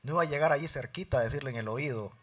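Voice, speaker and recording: A middle-aged man preaching a sermon in church, telling a personal story and acting out both sides of the dialogue, swinging between loud emphasis and soft, low asides. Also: rapid-fire. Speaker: lay preacher.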